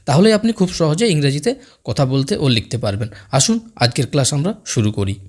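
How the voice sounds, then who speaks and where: A man teaching spoken English in Bengali, saying each English phrase slowly and repeating it. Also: mid-range voice, very animated, darkish tone. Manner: says English phrases very slowly and twice over.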